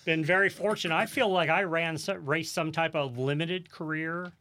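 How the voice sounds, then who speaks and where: Man, podcast host, from St. Louis, animated storyteller, laughs a lot, fairly high voice, dry room. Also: moderate pace, dry recording. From St. Louis area, USA. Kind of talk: casual storytelling chat.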